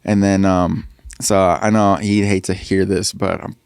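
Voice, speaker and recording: A man's voice: deep voice, little pitch movement, unhurried, vocal fry, darkish tone, clean tone, dry recording. A young man, a podcast guest and rapper, talking casually with many fillers and restarts into a studio mic. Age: young adult. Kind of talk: casual interview chat.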